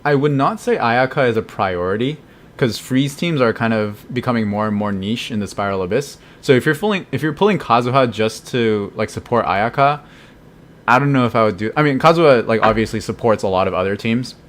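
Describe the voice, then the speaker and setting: A man's voice: medium pitch, animated, a little fast. A man streaming a game, thinking aloud casually and answering chat questions. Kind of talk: live gameplay commentary.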